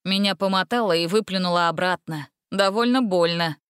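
A woman voicing a gentle, sincere young prince in an audiobook fairy tale. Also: fairly low pitch, a little fast, clean tone, dry recording, clean studio sound, lightly acted. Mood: wry.

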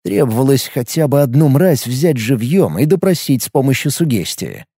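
A man reading a first-person audiobook story in a steady, measured way. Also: medium pitch, breathy edge, no echo, studio quality. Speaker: audiobook narrator. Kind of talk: first-person scripted narration.

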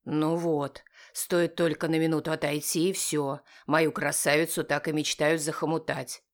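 A woman's voice: little pitch movement, normal speed, close to an everyday voice. A woman voicing a confident, protective young man who speaks dryly and firmly. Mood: teasing. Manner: dry, firm, low-voiced.

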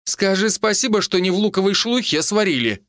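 A man voicing a sharp-tongued woman, a village healer, who mocks and scolds in a brisk manner. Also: high voice, lively intonation, no echo, voice pushed up. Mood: scolding.

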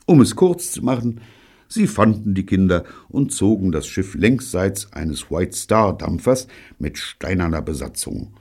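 A man narrates a children's audiobook in a very low, husky voice. His pitch rises and falls a lot, and his delivery stays dry and wry. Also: measured pace. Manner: dry, wry storytelling with lively voiced dialogue. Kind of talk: audiobook reading of a children's novel.

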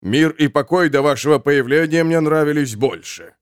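A man's voice: a little high, normal speed, clear, resonant tone, dry recording, lightly acted. Man playing wry tired stranger; dry recording. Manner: dry, sardonic. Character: weary sardonic male stranger soul.

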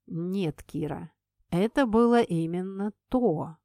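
A woman's voice: no room sound, studio quality. A woman doing a wry, teasing man. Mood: dry, teasing. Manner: lowered, quieter, drawn-out delivery. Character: grown man, wry, teasing police officer. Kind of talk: audiobook character voicing.

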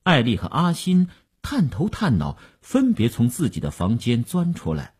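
A man narrating a novel in an expressive, dramatic reading. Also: mid-range voice, normal speed, slightly rough. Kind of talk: storytelling reading.

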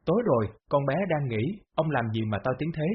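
A man reading the lines of a long-suffering middle-aged mother who speaks slowly and pleads. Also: mid-range voice, a little hiss or hum, natural voice. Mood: tender. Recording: dull lo-fi audio.

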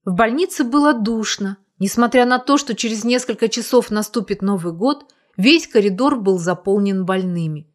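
A woman reading a story aloud as narrator, in steady, even storytelling. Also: mid-range voice, moderate pace, hardly any pauses. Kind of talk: scripted audiobook narration.

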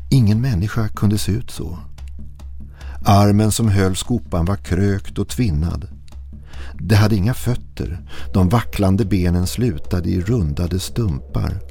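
A man narrating a listener's horror story in a slow, hushed, brooding manner. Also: deep voice, vocal fry, breathy edge, soft background music.

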